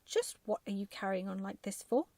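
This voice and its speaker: A no-nonsense old wife from a bedtime storybook, acted out by a woman. She is bossy yet kind and speaks in a soft ASMR manner. The voice is creaky, close and very dry. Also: mid-range voice, expressive, normal speed, no room sound. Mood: brisk scolding. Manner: firm, bossy, matter-of-fact. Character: brisk, capable, no-nonsense old wife, scolding but kind.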